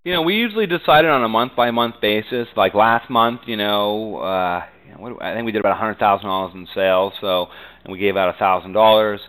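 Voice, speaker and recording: An American man appears as a business guest, answering interview questions conversationally in an earnest, halting way and often saying "you know." His voice is lowish with a fairly bright tone. The recording is rough.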